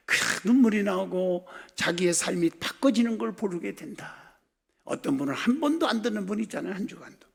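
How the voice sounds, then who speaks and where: A man's voice: high-pitched, vocal fry, a little mellow, husky. A male pastor preaching a sermon in a large church sanctuary, telling stories dramatically and with animation. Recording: long church hall reverb.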